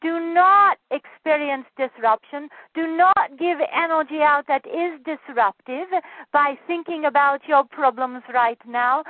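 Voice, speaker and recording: A woman's voice: high-pitched, no room sound, voice pushed up. A woman voicing a benevolent channeled spirit guide, giving solemn, repetitive, incantatory commands to her listeners. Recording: tinny phone-line sound, dry.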